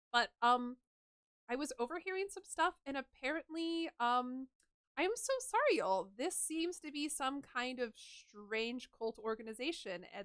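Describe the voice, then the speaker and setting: Bright-voiced woman running a tabletop game. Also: a little high, smooth, no echo, studio quality. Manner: giggly, rambling with fillers. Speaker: game master.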